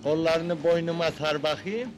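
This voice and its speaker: Actor as a high-voiced, swearing doorman from an old comedy film, all bluster. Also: normal speed, over music, lightly acted. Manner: loud, blustering, swears freely. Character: brash comic male apartment doorman, scheming. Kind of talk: 1970s comedy film acting.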